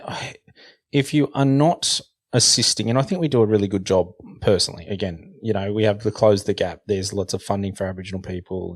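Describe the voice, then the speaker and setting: A middle-aged Australian man appears as a guest on a casual podcast, speaking earnestly and often tripping over and repeating the opening words of his sentences. His voice sits fairly low, and there's no room sound.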